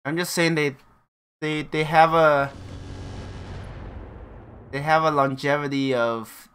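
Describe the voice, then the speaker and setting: A man's voice: a little high, fairly even intonation, slow, fairly bright tone, slight background noise. Chatty man streaming a game. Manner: chatty, laughs often, talks to viewers. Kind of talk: casual live-stream chat while playing.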